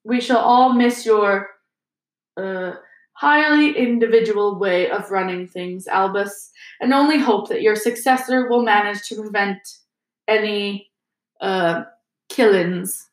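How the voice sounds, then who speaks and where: Storybook villain, played by a woman: wealthy male aristocrat, silky, sneering, mock-polite, unhurried drawl. Echoey room. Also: medium pitch, lightly acted. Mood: mocking politeness. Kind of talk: storybook character voice.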